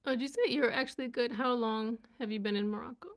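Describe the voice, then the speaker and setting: A woman's voice: on the high side, steady tone, fast talker. A young woman chatting casually on a live stream, giggling and sounding out words as she learns them. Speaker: vlogger and language learner.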